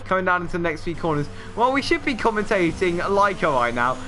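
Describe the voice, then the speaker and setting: A man commentating casually on a livestreamed race, chatty and excitable, who can't pronounce his R and TH sounds, saying w for r. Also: quick pace, over music. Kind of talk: casual live sim-racing commentary with banter. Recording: noisy mic with engine rumble.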